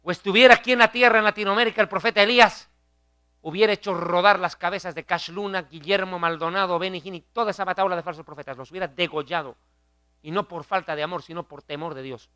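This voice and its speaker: A man preaching a fiery sermon, emphatic and scornful, building up to loud mockery. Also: high voice, steady tone, fast, clear, resonant tone, dry recording, studio quality.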